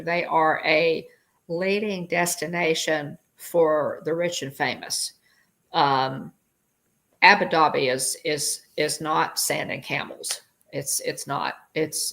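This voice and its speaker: A woman's voice: on the low side, gravelly, a bit bright. A woman hosting a casual livestream chat, reading viewer comments and talking with lots of fillers and restarts. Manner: chatty, many fillers and restarts.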